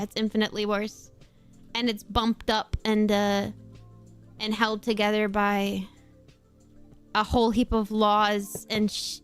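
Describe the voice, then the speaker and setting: Speaking in a smooth, medium-pitched voice with a fairly bright tone, a woman from Australia chats casually on her stream and reads the chat out loud. Her accent leans North American with a faint Australian edge on certain words; she laughs a lot and swears casually.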